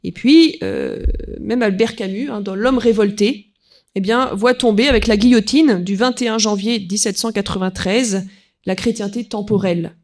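Woman lecturer, unscripted talk, halting delivery with frequent filler words between points. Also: mid-range voice, a little mellow. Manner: hesitant, peppered with "voilà" and "hein", reads quotes aloud.

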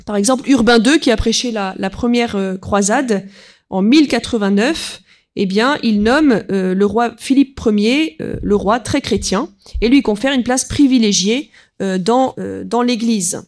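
Woman lecturer, unscripted talk, halting delivery with frequent filler words between points. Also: a little high, darkish tone. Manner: hesitant, peppered with "voilà" and "hein", reads quotes aloud.

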